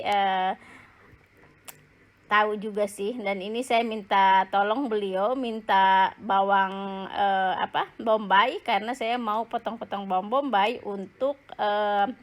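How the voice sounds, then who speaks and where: A woman from Banten, Indonesia, chatting casually in her home kitchen as she cooks for her vlog, with frequent fillers and laughs. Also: medium pitch. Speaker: cooking vlogger.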